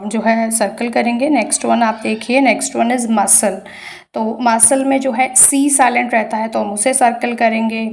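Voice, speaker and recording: A woman's voice: fairly high pitch, a little mellow. A woman teacher, explaining homework answers step by step and mixing into her Hindi. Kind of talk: homework walkthrough.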